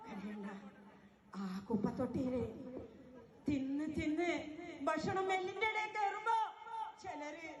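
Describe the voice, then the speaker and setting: A woman's voice: sits high, measured pace, long pauses. A woman playing a kind homeless madwoman who soothes and reassures others. She is heard in an echoey room with a faint crowd. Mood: soothing.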